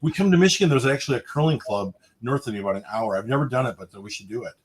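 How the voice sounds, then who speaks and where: Man, mid-pitched, co-hosting a market livestream; casual, filler-heavy, fading endings. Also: rapid-fire. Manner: relaxed, many fillers, trails off quietly at sentence ends. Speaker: stock show co-host.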